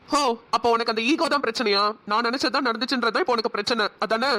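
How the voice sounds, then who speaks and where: A woman voicing an earnest, hot-tempered young husband in a cartoon, talking quickly. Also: a little high, bright, forceful tone. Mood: irritated. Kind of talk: cartoon voice acting.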